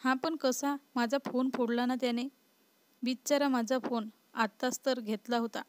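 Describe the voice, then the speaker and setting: स्त्री निवेदिकेने वाचलेली हट्टी, उलट उत्तर देणारी तरुण पत्नी, किंचित उंच आवाज. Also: female voice, a little high, fairly even intonation, normal speed, a little mellow, dry recording, lightly acted. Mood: stubborn. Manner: defiant, retorting. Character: stubborn, spirited young wife. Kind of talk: storybook reading.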